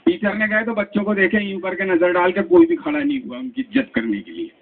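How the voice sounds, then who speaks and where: A man's voice: sits high, sing-song, vocal fry. A man doing live stand-up comedy, telling jokes and switching into voices for his characters. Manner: joke-telling with quick voice switches between characters. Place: outdoor stage at a town festival. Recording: lo-fi phone-like stage recording.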